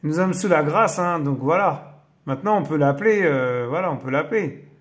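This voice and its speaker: A man's voice: on the high side, lively intonation, normal speed. Man reading and exclaiming in wonder. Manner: interrupts his reading with amazed exclamations; hesitant, many fillers when explaining. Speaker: Bible-teaching video host. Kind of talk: casual religious commentary reading aloud.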